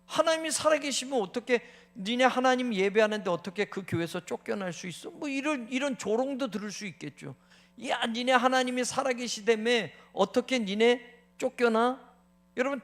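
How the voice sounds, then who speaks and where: A male pastor delivering a sermon in a high, gravelly voice. He preaches with animation, asks rhetorical questions, and acts out taunts and anguished prayers to the congregation. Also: fairly bright tone. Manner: addresses the congregation as "you all".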